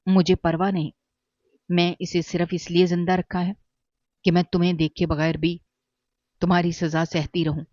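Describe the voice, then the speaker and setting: A man's voice: high voice, flat delivery, long pauses, darkish tone, no echo, lightly acted. A man voicing a bitter, wronged young mother who speaks coldly and scornfully, in a dull, dry recording.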